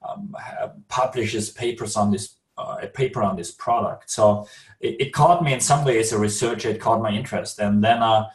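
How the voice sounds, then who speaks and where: Speaking at a moderate pace in a lowish voice, this Austrian-accented man is a clinical research director interviewed as a guest over video call. He chooses his words carefully and restarts often, and the mic picks him up from a distance in an echoey room.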